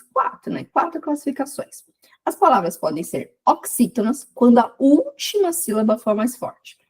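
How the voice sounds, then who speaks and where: A woman teaching grammar, explaining patiently and drawing out example words slowly. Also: mid-range voice, a little mellow, slightly rough. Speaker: Portuguese teacher.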